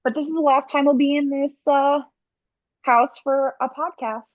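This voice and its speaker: A woman's voice: sits high, fairly even intonation, normal speed, no room sound, highs cut off. A young woman co-hosting a podcast, chatting casually and rambling, tripping over words now and then. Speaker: podcast co-host. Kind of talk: casual chat.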